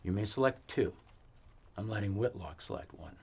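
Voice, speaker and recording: An actor playing a weary cavalry fort commander in a western film, giving measured, authoritative orders. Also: male voice, lowish voice, expressive, creaky, a little hiss or hum. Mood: stern. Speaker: army post commander.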